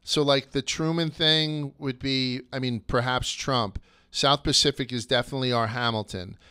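A man's voice: mid-range voice, steady tone, normal speed, bright, forceful tone, clean tone, no room sound, clean studio sound. A man hosting a casual history podcast, chatty and crude, going off on tangents. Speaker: podcast host.

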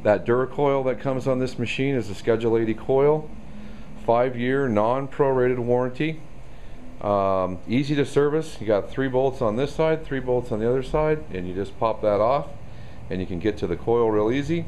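A man's voice: medium pitch, normal speed, a little mellow, a little hiss or hum. A man giving a casual product walkaround demo of a machine in a store showroom, talking loosely with many ums and uhs. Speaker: equipment salesman.

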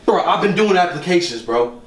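A man's voice: fairly high pitch, animated, a little fast, far from the mic. A man in a casual comedy sketch, whiny and exasperated, slipping slang and calling everyone bro. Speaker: unemployed roommate in a comedy sketch. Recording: echoey room with noise.

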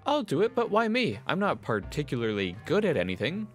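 A man's voice: on the high side, wildly swooping pitch, fairly quick, soft background music. Een man die een stotterende, schuchtere jonge bediende speelt. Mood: eager. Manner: stammering, nervous and polite. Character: timid clueless young male servant.

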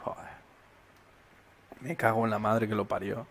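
A man's voice: lowish voice, steady tone, measured pace. A man from Spain chatting and swearing through casual gameplay commentary, humming and singing silly little tunes. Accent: Spain Spanish. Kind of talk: casual let's-play commentary. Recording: loud game noise behind voice.

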